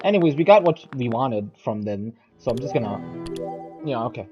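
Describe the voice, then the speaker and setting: A man's voice: medium pitch, expressive, moderate pace, lo-fi sound, loud music behind the voice. A man doing profane gaming commentary, crude and exasperated, mock-aggressive. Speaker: gameplay commentator.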